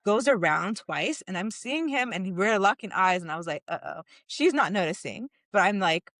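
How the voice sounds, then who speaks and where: A woman's voice: mid-range voice, moderate pace, a bit bright, no room sound. A woman co-hosting a podcast, telling a personal story in a candid, conversational way with frequent filler words. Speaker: podcast co-host.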